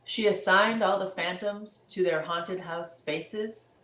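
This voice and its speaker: Lady reading a rhyming kids book, slow, mid pitch, echoey room. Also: fairly bright tone. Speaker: storybook reader. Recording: roomy echo.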